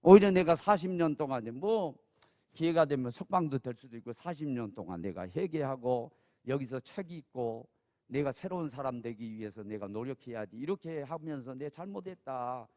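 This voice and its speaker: A man preaching a sermon as pastor, talking conversationally to the congregation and rising from soft asides to loud, emphatic peaks. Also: mid-range voice, lively intonation, normal speed. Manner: conversational, asks the congregation "예?" for assent.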